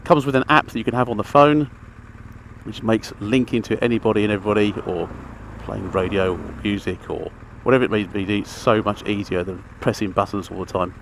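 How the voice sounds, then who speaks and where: Low, gravelly and fairly quick, with mostly even intonation, the vlogger rambles matter-of-factly about his gear from the saddle of his bike. His helmet mic captures the engine, the traffic and the outdoor noise.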